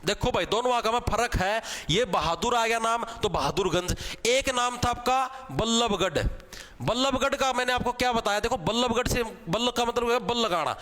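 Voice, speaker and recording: High-voiced Haryanvi man teaching. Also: normal speed, fairly bright tone. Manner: chatty, joking, addresses students as bhai. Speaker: exam coaching teacher. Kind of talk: live online class with memory tricks.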